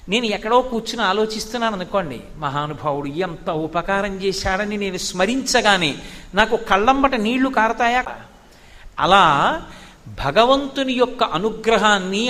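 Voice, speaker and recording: A man with a high, bright voice delivers a devotional sermon, telling stories in an animated way and breaking into recited Sanskrit verses. His voice carries a long hall reverb. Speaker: spiritual discourse speaker.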